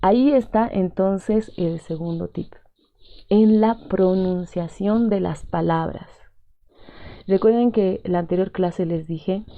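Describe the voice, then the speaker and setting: A woman teaching a language class with a Peruvian Spanish accent. She explains patiently, repeats her points and keeps checking in with her students. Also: lowish voice. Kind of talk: explaining a lesson step by step. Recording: dull lo-fi audio.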